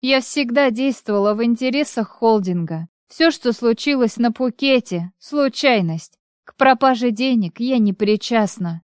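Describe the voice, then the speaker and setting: A woman's voice: on the high side, expressive, measured pace, clear, resonant tone, no echo, clean studio sound. A woman reading the part of a defensive young woman executive, pleading with a shaky voice.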